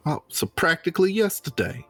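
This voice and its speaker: A man's voice: on the high side, big pitch swings, normal speed, fairly bright tone, slightly rough, faint music behind. A man playing a tabletop game, improvising in-character chat in a hesitant, politely worded way.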